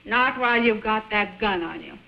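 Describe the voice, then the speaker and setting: A woman's voice: medium pitch, moderate pace, vocal fry, natural voice. An actress playing a desperate but defiant captive woman, dramatic in the manner of an old crime film melodrama. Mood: feigned compliance. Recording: muffled, slightly noisy old film soundtrack.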